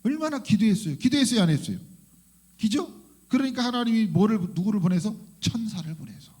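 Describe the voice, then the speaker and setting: A high-pitched man preaches to a church congregation. His delivery is fervent and animated. He keeps calling out hallelujah and putting questions to the people in front of him. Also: a little fast. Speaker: pastor. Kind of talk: sermon. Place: church sanctuary.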